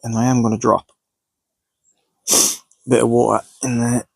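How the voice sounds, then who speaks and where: A man's voice: mid-range voice, level tone, unhurried, creaky, a little mellow, breathy edge, no room sound. A man sniffly with a cold, casually narrating his outdoor cooking as he goes, unscripted. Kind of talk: casual, unscripted narration while doing tasks. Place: outdoors in countryside.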